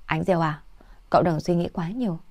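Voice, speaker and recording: A woman's voice: lowish voice, brisk, darkish tone, dry recording. A woman voicing a pregnant office friend who urges and insists. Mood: urging. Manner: insistent, urging.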